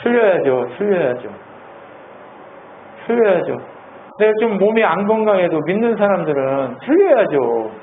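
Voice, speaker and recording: A male pastor preaching a sermon in an animated, conversational way, asking the congregation lots of questions. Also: high-pitched, normal speed, few pauses. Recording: tinny phone-like sound, faint hiss.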